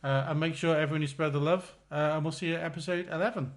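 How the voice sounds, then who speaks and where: A man with an English accent co-hosting a podcast in casual chat, firing off quick questions and laughing often. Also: fairly high pitch, fairly even intonation. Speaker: podcast co-host.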